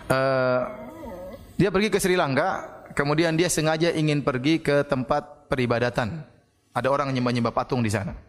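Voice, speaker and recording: A man preaching a sermon, telling a humorous story in a lively way, often adding "ya" and raising his voice loudly for effect, before an audience. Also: mid-range voice. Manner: lively storytelling, frequent tag "ya", loud bursts for effect. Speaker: Islamic preacher. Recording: reverberant hall sound.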